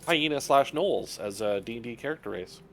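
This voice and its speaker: A man with a low voice rambling casually, like a streamer chatting. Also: expressive, brisk, creaky, a bit bright, soft background music.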